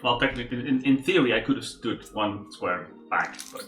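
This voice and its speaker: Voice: mid-range voice, lively intonation, brisk, a bit bright, faint music behind. A tabletop game player chatting casually in a roomy, echoing space.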